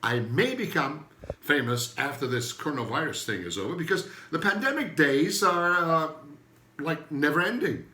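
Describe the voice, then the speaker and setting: A man's voice: on the high side, sing-song, normal speed, sharp tone, roomy sound, slight background noise. An older man from Turkey with a Turkish accent, a native Turkish speaker, hosting a rambling, joking comedy monologue that often loses its thread. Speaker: comedian host.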